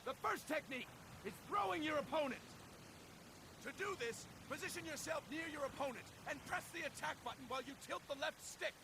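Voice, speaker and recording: An actor playing a stern, bossy military drill sergeant who barks training instructions in a video game tutorial. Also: male voice, extremely high pitch, a little fast, noisy background. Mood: brisk, commanding. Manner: drill sergeant style, barking commands, stern.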